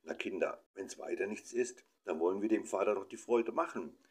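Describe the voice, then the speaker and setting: A man's voice: on the low side, fairly quick, husky. A man voicing a mother who coaxes and instructs her children in a soothing tone. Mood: coaxing. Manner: soothing, coaxing. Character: coaxing, teacherly mother.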